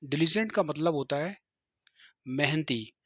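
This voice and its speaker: Male English teacher, Hindi accent, slightly high voice, dry close sound, call-and-response drilling. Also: lively intonation, measured pace, a bit bright, slightly rough, no room sound. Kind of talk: classroom lesson.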